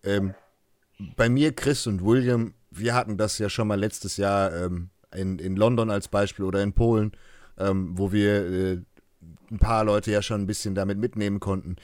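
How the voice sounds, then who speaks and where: A man in a casual group conversation, speaking loosely and haltingly with coarse wording. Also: lowish voice, fairly even intonation, a little mellow, no room sound, clean studio sound.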